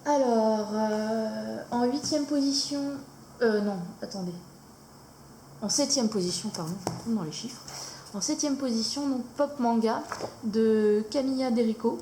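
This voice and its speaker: A woman vlogger casually showing her coloring books, hesitant with many fillers and pauses. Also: a little high, warm tone. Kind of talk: casual show-and-tell chat. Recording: echoey room, faint noise.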